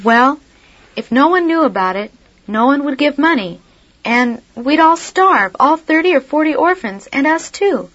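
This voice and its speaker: Lady reading as a hesitant doubtful wife in a story, kinda high voice, muffled recording. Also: lively intonation, a little slow, a bit bright. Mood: worried. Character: doubtful practical wife, middle-aged woman.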